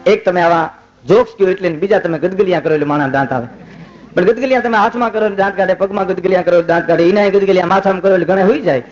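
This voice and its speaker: A man's voice: high voice, a little mellow. A man, telling funny stories and moralizing on stage at a festival program, acting out the dialogue in his anecdotes. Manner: rapid anecdotes acting out quoted dialogue, turning earnest and moralizing. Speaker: folk humorist. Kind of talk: live stage humor storytelling. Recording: lo-fi live recording with music behind.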